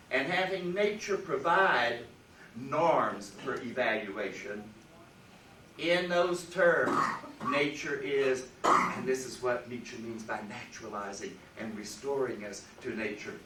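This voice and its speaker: A man's voice: medium pitch, unhurried, bright, forceful tone, a little hiss or hum. A man giving a university philosophy lecture, emphatic and leaning hard on key words, recorded from across a lecture room. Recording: roomy lecture hall from far off, faint ambience.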